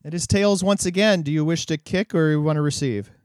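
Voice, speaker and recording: A man co-hosting a casual sports podcast, relaxed and chatty, with frequent fillers and chuckles. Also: on the high side, fairly quick, dry recording, clean studio sound. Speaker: podcast co-host.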